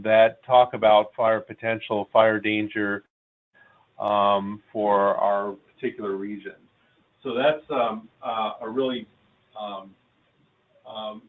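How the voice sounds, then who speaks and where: A man, a meteorologist, presenting on a webinar over a video call, halting often to pause and restart. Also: lowish voice. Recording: tinny phone-like call audio.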